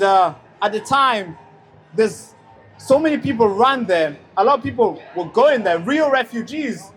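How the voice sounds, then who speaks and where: High-voiced young man giving a rally speech. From born in a refugee camp in Tanzania. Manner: emphatic storytelling with many repeated lead-ins. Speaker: speaker at a rally. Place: outdoors at a street rally.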